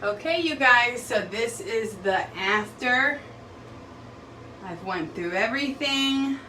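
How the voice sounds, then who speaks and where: A woman's voice: on the high side, lively intonation, slow, recorded from a distance, background noise. A young woman vlogging casually at home, chatting as she walks viewers through her bathroom while decluttering and cleaning.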